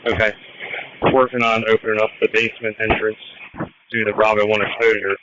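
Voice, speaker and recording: A man's voice: fairly low pitch, level tone, fairly quick. A man giving firefighter radio reports to command from the fireground over a two-way radio. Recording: noisy, muffled firefighter radio transmission.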